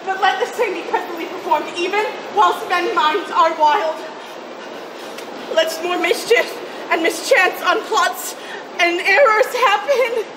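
A woman's voice: very high voice, measured pace. A woman playing a loyal, grieving scholar in outdoor Shakespeare, earnest and declamatory. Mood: solemn. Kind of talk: outdoor Shakespeare stage acting. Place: open-air plaza stage at night. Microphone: far camera. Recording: echoey noisy outdoor stage, distant camera.

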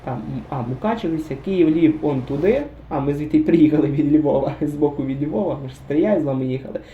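A man's voice: a little high, quick pace, narrow, tinny audio, slight background noise. A man giving casual, chatty commentary over a driving game, musing aloud and talking straight to his viewers. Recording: roomy echo.

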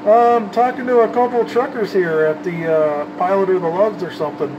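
A CB radio operator shows off his setup, chatting casually in folksy radio slang with a high-sitting voice at a moderate pace. The highs are cut off, and loud vehicle and fan noise fills the recording.

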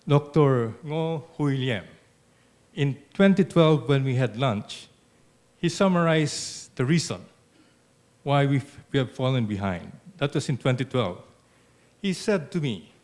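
An older man with a Filipino English accent giving an economics lecture in a measured way, often adding "okay" and a dry touch of sarcasm. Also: medium pitch, darkish tone. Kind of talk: academic lecture. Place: auditorium.

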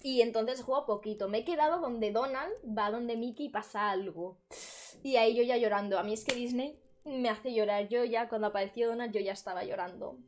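A woman from Spain chatting casually with her viewers on a live stream from a bedroom, bubbly and laughing often, with loud sudden exclamations. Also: on the high side, fairly quick. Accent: Spain Spanish. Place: bedroom at her grandmother's home.

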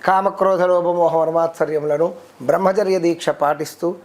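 A man, a devotional guest explaining worship rules in a steady, teacherly way, listing terms one by one. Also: a little high, normal speed. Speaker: devotional guest speaker on ritual. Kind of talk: explanatory interview talk.

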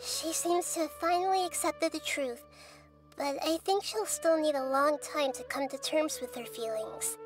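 A woman plays a gentle, wise, childlike girl deity in a video game, speaking in a measured, articulate, thoughtful way. Her voice sits high with lively intonation, and faint music plays behind her.

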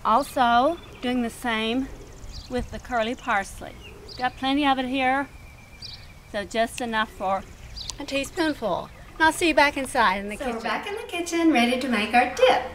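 A woman's voice: high-pitched, expressive, normal speed, a bit bright, a little hiss or hum. A middle-aged woman hosting a home cooking show, explaining each step in a chatty, homey way. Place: home kitchen indoors, garden outdoors. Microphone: far camera. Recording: roomy, distant home video.

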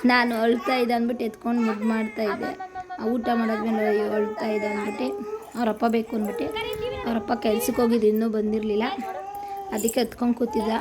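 A woman's voice: a little high, little pitch movement, quick pace. A woman from Karnataka casually narrating a cooking vlog in her home kitchen, chatty and homely, repeating her phrases. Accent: Kannada, Karnataka. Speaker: vlogger.

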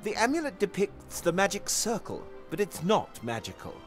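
A courteous ogre speaks in a highish, swooping voice in a video game. He is theatrical, florid and precise, over faint music. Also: wildly swooping pitch, moderate pace. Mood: matter-of-fact. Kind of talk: video game character acting.

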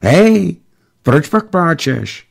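A man reading a story aloud and voicing a young village boy, suspicious and shrill. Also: sing-song, vocal fry, full character voice.

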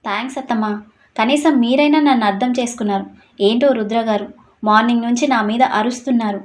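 A woman's voice: a little high, fast, close to an everyday voice. A woman voicing an innocent, sweet young wife who pleads and protests in a read-aloud story.

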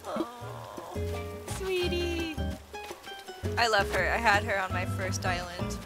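A woman's voice: medium pitch, steady tone, brisk. A woman streaming a game, chatting casually and bubbly, full of "like" fillers and little giggles. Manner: giggles often between sentences. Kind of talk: casual gameplay chat. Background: loud background music.

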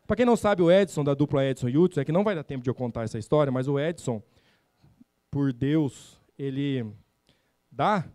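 A man with a Brazilian accent giving an animated motivational sales talk on stage, acting out customer dialogues in blunt, slangy speech. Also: on the high side, brisk, no room sound, clean studio sound. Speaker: sales trainer speaking at a summit. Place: event stage.

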